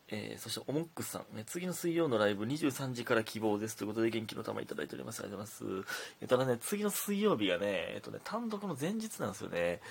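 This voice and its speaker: A young man with a Kansai accent hosts his own talk podcast, reading listener letters and chatting between them. His voice sits fairly low and has a gravelly, husky edge. He rambles, pokes fun at himself, and drops to muttered asides between louder bursts. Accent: Kansai Japanese. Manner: chatty and self-deprecating, drifting between loud bursts and mumbled asides.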